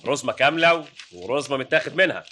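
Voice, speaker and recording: An actor playing a stern Egyptian police officer giving curt orders, with an Egyptian Arabic accent. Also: male voice, medium pitch, lively intonation, fast talker, pushed and bright, slight background noise. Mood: commanding. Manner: curt commands.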